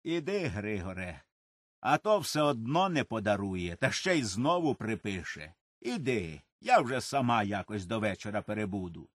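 A man's voice: big pitch swings, unhurried, dry recording. A man voicing a faint, weak peasant mother. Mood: weak, bitter. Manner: faint, bitter, low.

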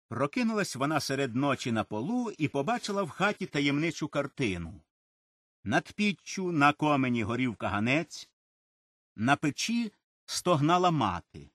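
A man narrating a storybook tale in an expressive, lively storytelling manner. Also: medium pitch, no echo, clean studio sound. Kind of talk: storybook reading.

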